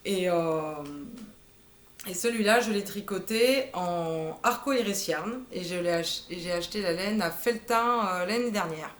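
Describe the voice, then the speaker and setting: Slow, halting woman in an echoey room. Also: lowish voice. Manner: hesitant, lots of "euh" fillers. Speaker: knitting vlogger. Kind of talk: casual show-and-tell chat.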